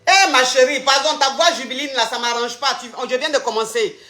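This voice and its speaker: A high, bright-voiced woman hosts a live call-in stream, joking and repeating herself as she teases callers. Her voice rings in an echoey room and stays sharp and forward. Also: fairly quick. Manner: playful, repetitive, teasing callers. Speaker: live call-in show host.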